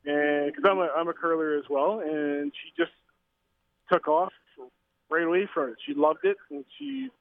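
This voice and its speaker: A middle-aged man from Canada heard over the phone from a train, a curling coach and father giving a casual interview, halting with fillers and restarts. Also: a little high, lively intonation. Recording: tinny phone line.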